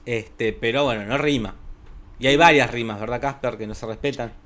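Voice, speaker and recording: A man with an Argentine accent and a middle-pitched voice hosts a casual podcast. He talks in a relaxed, unhurried way, filling pauses with hesitant fillers. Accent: Argentine Spanish. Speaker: podcast host. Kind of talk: casual chat.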